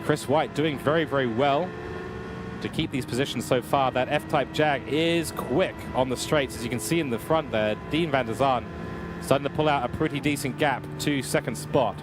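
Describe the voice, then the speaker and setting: A young man giving live commentary on a simulated car race, energetic and building excitement, his voice getting worn. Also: mid-range voice, normal speed, music in the background. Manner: energetic, rising with excitement at incidents. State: losing his voice. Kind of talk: live sim racing commentary.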